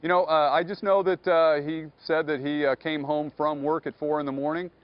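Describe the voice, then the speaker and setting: A man speaking as a police captain in a live TV news interview, measured and guarded, often filling pauses with "uh" and "you know". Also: on the high side, level tone, clear, resonant tone, no room sound, dull audio. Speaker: police captain, investigation spokesman.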